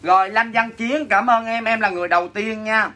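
A high-pitched livestream seller and host with a Southern Vietnamese accent speaks fairly quickly in a sharp tone, his intonation fairly even. In this casual sales chat he reads out viewer comments and answers them with dramatic, teasing, mock-complaining banter.

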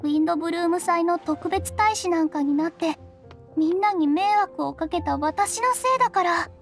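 A woman voicing a timid, kind young female alchemist in an anime game, gentle and apologetic. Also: very high-pitched, moderate pace. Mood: concerned. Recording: music under the voice.

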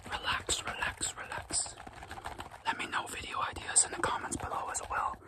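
A whispering ASMR host of unclear sex does a fast and aggressive style of ASMR. The delivery is all breath, in short phrases and repeated words, close to the mic. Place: small dim indoor room.

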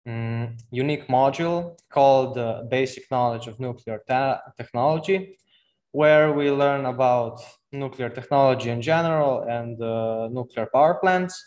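A man's voice: mid-range voice, moderate pace, a little mellow, muffled recording. A teenage boy from Slovenia with a Slovenian accent, presenting his school on a video call, reading slides with small slips. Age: teens. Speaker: student presenter.

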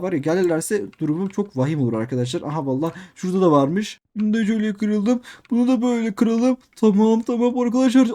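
A young man doing excitable game commentary, repeating himself and talking straight to his viewers. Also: sits high. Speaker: gaming youtuber. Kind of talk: let's play commentary.

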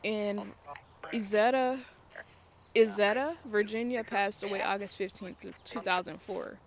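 A woman's voice: medium pitch, fairly even intonation, measured pace, crowd noise. A woman chatting informally to viewers as a paranormal vlogger, rambling and talking aloud to herself. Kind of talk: casual chat to viewers. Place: outdoors in a cemetery.

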